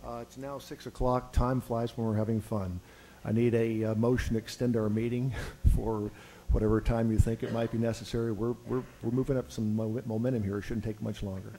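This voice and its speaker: A man's voice: mid-range voice, little pitch movement, fairly quick, hardly any pauses, dark tone, a little hiss or hum, low-quality recording. A man chairing a public board meeting, procedural, with a dry sense of humor. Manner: procedural, with dry joking asides.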